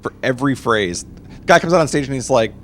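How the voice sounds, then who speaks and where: A man's voice: medium pitch, lively intonation, a little fast. A man casually chatting with his viewers and answering their questions while he plays a game on a live stream. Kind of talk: live gameplay stream commentary.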